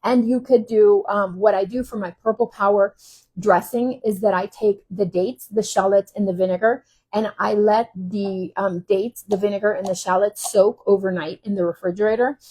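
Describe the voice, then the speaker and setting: Lady cooking host, husky voice, rambly and chatty, lots of ums while she makes a dressing. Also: medium pitch, steady tone, normal speed, dark tone. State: teary from cutting shallots. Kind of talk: casual cooking demo. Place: kitchen while traveling.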